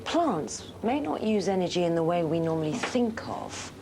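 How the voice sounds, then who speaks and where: An actress playing a hurried, advising woman aboard a machine in a scripted children's TV drama. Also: fairly low pitch, very animated, noisy background. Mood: thoughtful. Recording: loud music under the voice. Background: loud music.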